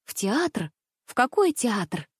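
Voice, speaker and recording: A woman voicing an honest, gentle young circus girl who speaks earnestly and simply. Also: a little high, sing-song, slow, slightly rough, dry recording, clean studio sound, heavily acted.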